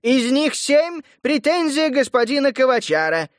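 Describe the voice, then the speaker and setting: A man voicing a male court herald who bellows proclamations in a shrill, ringing voice. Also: sing-song, moderate pace, no room sound, clean studio sound. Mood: proclaiming. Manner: shrieking, booming proclamations.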